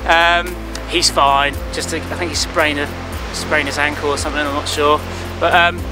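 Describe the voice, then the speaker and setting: Surfer host, thirties, slightly high voice, relaxed rambling talk to camera outdoors with music behind. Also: male voice, normal speed, low-quality recording. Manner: relaxed and rambling, lots of ums and likes. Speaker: big-wave surfer and vlogger. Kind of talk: casual piece to camera. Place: outdoors on a clifftop by the sea at dusk. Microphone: camera close-up.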